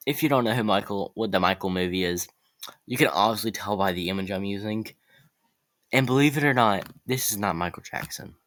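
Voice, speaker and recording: A man vlogging about upcoming movies in a casual, excitable way, rambling and correcting himself as he goes. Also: on the low side.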